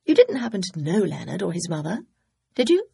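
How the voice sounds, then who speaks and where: Lady doing a giggly girlish hostess in an audiobook, chatty and gushing, husky gravelly voice. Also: fairly low pitch, very animated, brisk, mellow, heavily acted. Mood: chirpy.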